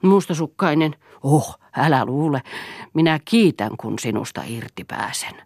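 Ärtynyt mies, jota lukijanainen esittää tiuskii lyhyitä, töksähteleviä vastauksia. Puheessa on elävää vaihtelua sävelkorkeudessa. Ääni on kuiva ja lähellä mikrofonia. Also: female voice, low voice, lively intonation, a little mellow, slightly rough, no echo, clean studio sound, full character voice. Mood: irritated. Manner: curt, snapping. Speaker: audiobook reader.

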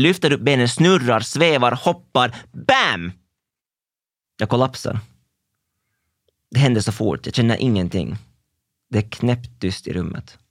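Young male narrator, intense and introspective, dry close sound, animated delivery. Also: lowish voice, no room sound. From Finland. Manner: intense, introspective present-tense telling. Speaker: dancer telling his own story. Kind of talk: scripted first-person narration.

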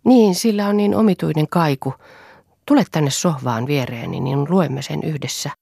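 A woman's voice: deep voice, expressive, vocal fry, warm tone, slightly rough, no room sound, studio quality, voice pushed up, exaggerated voice. A woman voicing a startled, emotional young woman who exclaims with a raised voice.

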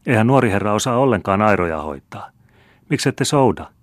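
A man reading an old storybook tale, voicing a spirited young peasant girl with quick, scolding retorts. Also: on the low side, animated, dry recording, close to an everyday voice. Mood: teasing.

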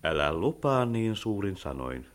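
An aging architect in a radio drama, his low voice rising and falling with wide swings. He gives orders sternly and then turns wistful and kind. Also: big pitch swings. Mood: gentle. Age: older. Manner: commanding, then wistful and gentle. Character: aging male architect, stern yet tender. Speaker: old architect character. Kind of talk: radio play acting.

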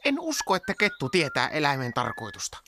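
A dry skeptical cartoon stoat. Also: male voice, on the high side, wildly swooping pitch, noisy background. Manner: dry, matter-of-fact.

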